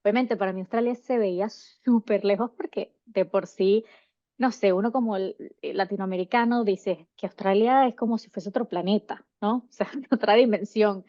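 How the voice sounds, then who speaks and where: In a relaxed interview, a Venezuelan Spanish-accented woman in her thirties, seven months pregnant, wanders through her answers with frequent restarts. She speaks at a moderate pace in a dark, mid-range voice, and the audio is dull with no echo.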